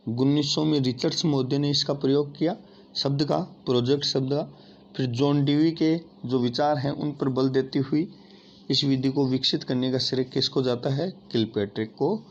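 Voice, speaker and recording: A man teaching an exam-prep lesson, addressing listeners as friends and asking and answering his own questions. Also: medium pitch. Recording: dull lo-fi audio with faint noise.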